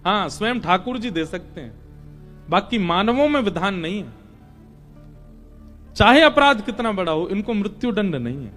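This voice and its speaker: Man telling a holy story, pretty high voice, dramatic, faint music behind. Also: big pitch swings, moderate pace, pauses often, fairly bright tone. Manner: dramatic, emphatic, shifts voices for characters. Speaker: religious storyteller. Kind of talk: devotional story sermon.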